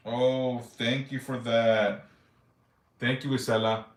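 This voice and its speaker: A livestream host in his forties reads out yes-or-no questions from viewers and answers them in short, loose, profane remarks on a casual stream. His mid-range voice shows little pitch movement, moving slowly in an echoey room.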